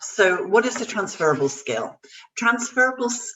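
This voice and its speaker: A woman's voice: medium pitch, very animated, moderate pace, sharp tone, distant mic, a little hiss or hum, poor audio. A woman career coach giving an online workshop, speaking in an upbeat, encouraging way directly to her audience. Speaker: career coach and webinar presenter.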